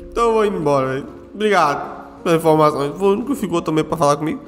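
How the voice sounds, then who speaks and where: A man, doing animated game roleplay full of slang and tough-guy banter. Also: on the high side, racing. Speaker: gamer doing roleplay as a gorilla's son. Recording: reverberant with faint background music.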